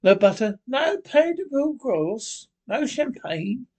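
A man reading aloud and voicing a cheerful, brisk male water rat with a hearty, bustling manner. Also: sits high, expressive, gravelly, a little mellow, full character voice. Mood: jovial. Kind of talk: storybook reading.

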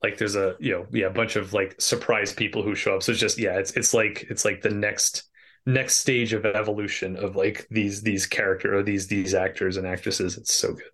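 A man's voice: lowish voice, level tone, fairly bright tone. A man co-hosting a podcast, chatting casually about a TV show, often stalling with "um" and repeated words. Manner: halting, searches for words with "um" and repeats. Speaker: podcast co-host. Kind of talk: casual TV recap chat.

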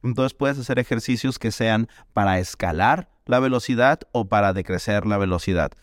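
A man's voice: on the low side, moderate pace, dry recording, studio quality. A man teaching a Dalcroze music lesson, explaining exercises and chanting rhythm syllables to demonstrate.

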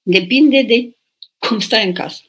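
A woman's voice: fairly high pitch, fairly bright tone, slightly rough. An older woman, an abbess, reading out viewers' questions and answering them in an urging, emphatic way on a live stream. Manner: reads questions aloud then answers, urging and emphatic, bursts of raised voice.

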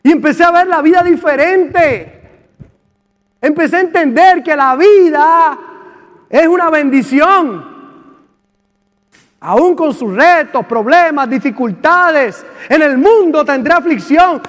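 Male Puerto Rican pastor, 50s, fervent sermon delivery, very high pitch, long hall reverb. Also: lively intonation, slow pace, long pauses. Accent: Puerto Rican Spanish. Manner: impassioned preaching, shouting at peaks. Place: church sanctuary.

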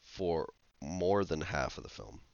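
A man's voice: deep voice, lively intonation, takes it slowly, creaky, smooth, dry recording, dull audio. A man co-hosting a podcast, chatting casually about a film in a hesitant, critical way with many fillers. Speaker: podcast co-host. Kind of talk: casual film review chat.

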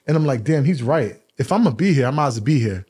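A man hosting a podcast, telling a personal story in a casual, animated way, often repeating words and using slang. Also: fast, breathy edge. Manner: animated, acts out quoted dialogue with raised pitch; uses casual slang and profanity. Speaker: podcast host.

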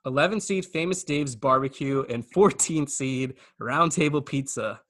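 A man's voice: mid-range voice, unhurried, a bit bright. A man hosting a casual podcast, announcing matchups and giving blunt opinions. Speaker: podcast host running the bracket.

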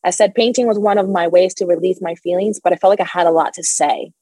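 A woman's voice: fairly low pitch, fast, mellow, breathy edge, dry recording, low-quality recording. A young adult woman telling her personal story as an interview guest, open and emotional, with a nervous laugh now and then.

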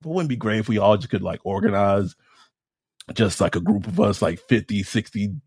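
A man's voice: on the low side, moderate pace, darkish tone, breathy edge, no echo, clean studio sound. A man hosting a sports podcast in casual, slangy fan banter, swearing freely and repeating phrases for emphasis.

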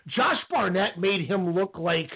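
A man's voice: high voice, lively intonation, measured pace, husky. A man co-hosting a wrestling podcast, ranting in heated casual talk. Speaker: podcast co-host. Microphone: call-in radio line. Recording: tinny phone-line audio.

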